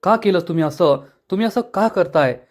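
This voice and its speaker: A man voicing a furious, superstitious middle-aged mother in a dramatic serial recap, with rushed, accusing lines. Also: sits high, animated. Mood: angry, accusing.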